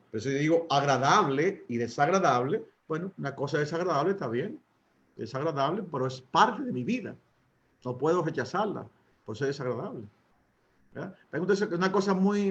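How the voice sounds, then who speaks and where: Dominican priest teaching over a dull line. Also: male voice, on the high side. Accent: Dominican Spanish. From Dominican Republic. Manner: asks the audience rhetorical questions, hesitates with fillers. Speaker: priest giving a talk. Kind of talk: teaching talk to couples.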